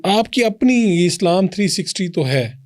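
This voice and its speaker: A man's voice: high voice, expressive. A man hosting an interview, appreciative and asking short, encouraging questions. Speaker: interview host.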